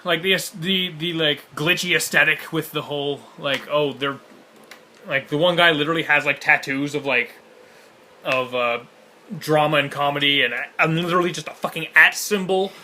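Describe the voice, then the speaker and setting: Sharp, bright-toned sarcastic man. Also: fairly high pitch, normal speed, a little hiss or hum. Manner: sarcastic and blunt, swears, stammers on restarts. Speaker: co-host. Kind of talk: casual game-showcase reaction chat.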